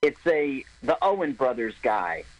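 A man's voice: medium pitch, sing-song, unhurried, rough recording. A man co-hosting a casual film commentary, talking in an opinionated, analytical way.

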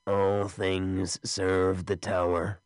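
A man voicing a menacing inhuman creature in a yellow coat, with a buzzing voice and slow, cold, measured speech. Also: sits low, completely flat delivery, smooth, no echo. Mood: cold menace.

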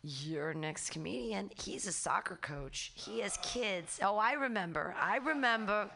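A woman's voice: medium pitch, lively intonation, a little slow, creaky, bright, forceful tone, slight background noise. A woman hosting an open mic, with sarcastic, teasing emcee patter.

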